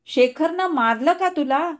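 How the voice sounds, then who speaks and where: A woman's voice: high-pitched, expressive, unhurried, voice pushed up. A woman voicing a worried mother who pleads and soothes, in a storybook reading. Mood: anxious. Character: anxious mother, gentle and pleading.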